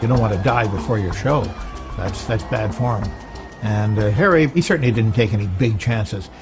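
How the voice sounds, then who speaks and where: A man's voice: fairly low pitch, moderate pace, music in the background. A man recounting magic history as a wry storyteller in a documentary interview.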